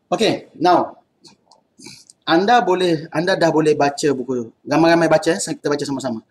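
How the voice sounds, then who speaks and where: A man's voice: a little high, moderate pace, slight background noise. A man with a Malaysian accent teaching an online Arabic class in a casual, chatty way, laughing often. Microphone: computer mic on video call.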